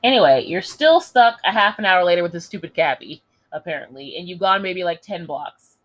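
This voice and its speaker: A young woman hosting, reading a gamebook aloud with lively delivery and swearing, joking asides. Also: lowish voice, a little fast, low-quality recording. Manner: lively, swears and jokes between passages. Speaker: host.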